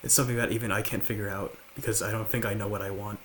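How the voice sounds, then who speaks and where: A young man in his late teens with a slight lisp, talking quietly and haltingly to the camera at home. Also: on the low side, fairly even intonation, slight background noise. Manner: halting, with many fillers and restarts. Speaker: vlogger. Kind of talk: confessional talk to camera. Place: large house, indoors.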